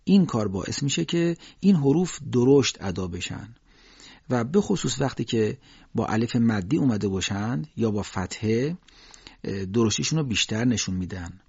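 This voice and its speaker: A man's voice: mid-range voice, lively intonation, a little mellow, slightly rough, no echo. A man teaching Quran recitation, explaining letter sounds patiently with frequent hesitations. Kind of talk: spoken lesson with slow recited examples. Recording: dull, dry lo-fi recording.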